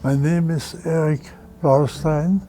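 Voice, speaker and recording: A man's voice: a little high, steady tone, slow, mellow, faint music behind, poor audio. A man in his nineties from Germany, recounting his childhood plainly and matter-of-factly in an oral history interview. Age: 90s. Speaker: Holocaust survivor interviewee.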